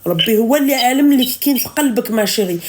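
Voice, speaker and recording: A woman's voice: a little high, expressive, brisk, noisy background. A woman hosting a call-in advice talk, fervent, affectionate and emphatic.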